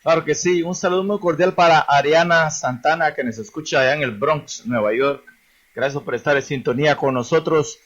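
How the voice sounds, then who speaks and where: A man's voice: a little high, normal speed, a bit bright, muffled recording. A man hosting a radio show, sending friendly greetings to listeners. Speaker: radio host.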